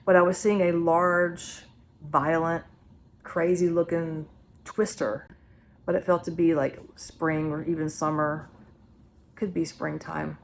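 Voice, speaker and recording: A woman with a fairly low voice talks casually to her viewers, rambling from one prediction to the next. Her speech is loose and unscripted. A faint hiss sits under her voice. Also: flat delivery, slow pace, gravelly. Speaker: psychic vlogger.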